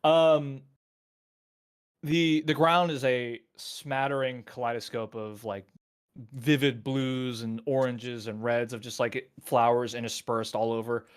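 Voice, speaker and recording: A man's voice: mid-range voice, little pitch movement, a little slow, clear, resonant tone. A man who is the game master of a tabletop game, describing scenes in a loose, filler-heavy way.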